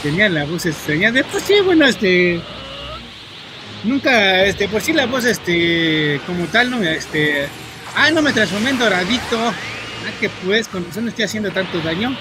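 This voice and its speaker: A man from Mexico with a Mexican accent, chatting to viewers while he plays, rambling, filling every pause with "este" and swearing at the game in bursts. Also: high-pitched, expressive, noisy background. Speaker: gaming streamer. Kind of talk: casual gameplay commentary to viewers. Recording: loud game music under the voice. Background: game music.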